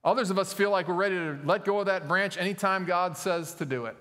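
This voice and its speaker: Speaking fast in a high, bright, forceful voice, a male pastor gives a chatty sermon peppered with fillers and self-corrections. It's recorded inside a church sanctuary that adds a long, echoing hall reverb.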